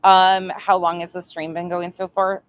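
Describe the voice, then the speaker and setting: Speaking at a normal speed in a low, level voice, a woman chats with viewers on her casual home livestream. She teases and mocks them and swears without restraint.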